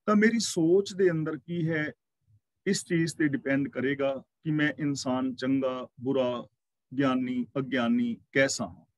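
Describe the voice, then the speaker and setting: A man teaching a scripture class, reciting verses slowly and then explaining their meaning word by word. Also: mid-range voice, steady tone, dry recording.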